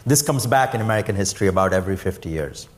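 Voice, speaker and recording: A man's voice: on the low side, animated, racing. A man from India, speaking as a panelist in a panel discussion, hesitant and restarting often. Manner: hesitant, many fillers and restarts.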